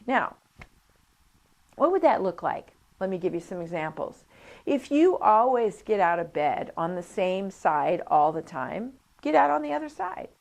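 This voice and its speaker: Here the coparenting instructor is a woman whose voice is fairly low and marked by vocal fry. Her teaching is lively and anecdotal, and she animates her stories by acting out the quoted speakers.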